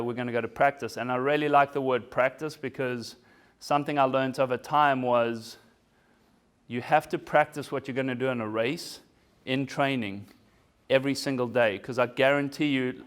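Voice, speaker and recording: A man's voice: mid-range voice, steady tone, normal speed. A man in his forties from South Africa, giving a casual, self-deprecating motivational talk to a business audience. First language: German. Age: 40s. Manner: casual, self-deprecating, often asks "right?". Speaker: keynote speaker.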